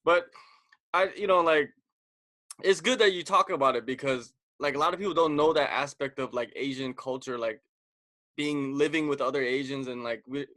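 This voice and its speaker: A man's voice: medium pitch, moderate pace, bright, forceful tone, dry recording. A man from the US West Coast hosting a podcast interview. He talks casually, filling his sentences with "like" and "you know.". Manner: conversational, filler-heavy with frequent "like". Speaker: podcast host.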